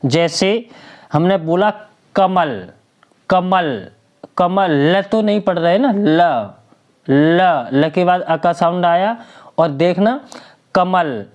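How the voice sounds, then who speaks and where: Taking her time, a woman with a lowish, darkish, expressive voice teaches spelling. She's patient and drawn out, naming letters individually and answering the questions she herself asks in this slow classroom-style lesson.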